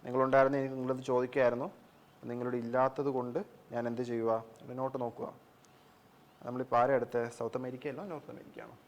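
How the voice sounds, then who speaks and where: A man's voice: medium pitch, little pitch movement, rapid-fire. A young man with a Malayali accent teaching an online geography class for exam coaching, asking questions and answering them himself, with English phrases mixed in.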